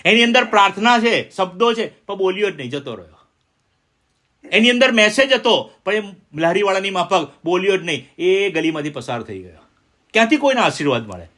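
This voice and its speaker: A man's voice: high-pitched, big pitch swings, brisk, sharp tone. A middle-aged man from India preaching a sermon with call-and-response. He speaks with emphasis and keeps asking his listeners questions.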